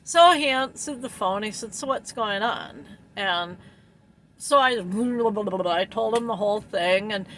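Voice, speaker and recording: A woman's voice: medium pitch, slow, fairly bright tone, a little hiss or hum, low-quality recording. A woman truck driver casually telling a story, rambling with lots of ums and little laughs.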